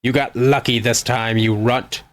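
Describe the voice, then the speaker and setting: A man's voice: mid-range voice, fairly even intonation, measured pace, lightly acted. A man voicing a bossy, short-tempered female bandit chief from a video game, barking curt threats and insults. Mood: sullen threat. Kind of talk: video game dialogue read aloud.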